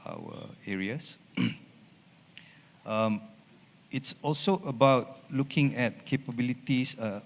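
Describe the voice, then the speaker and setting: A man giving panel remarks in a hesitant way, with many fillers and tag questions. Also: on the low side. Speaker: panel speaker. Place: conference hall. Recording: long reverb of a conference hall.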